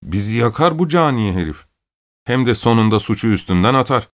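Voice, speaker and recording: A man's voice: mid-range voice, lively intonation, brisk, natural voice. A man voicing a vengeful peasant villager. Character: angry desperate male peasant villager.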